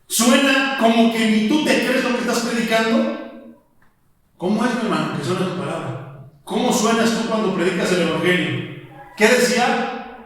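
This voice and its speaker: A Mexican pastor with a high voice preaches emphatically, pressing his listeners with one rhetorical question after another. He sounds distant from the mic, and his voice rings through a long, echoing reverb in a church hall. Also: fairly bright tone. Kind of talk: sermon. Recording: echoey hall from far off.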